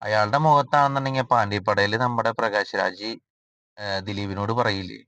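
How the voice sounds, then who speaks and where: A man from Kerala narrating a cooking vlog in a casual, rambling way, filling pauses with drawn-out "aa" sounds. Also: fairly low pitch, fairly even intonation, bright, forceful tone, smooth, no echo. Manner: chatty, rambling, frequent drawn-out 'aa' fillers. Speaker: cooking vlogger.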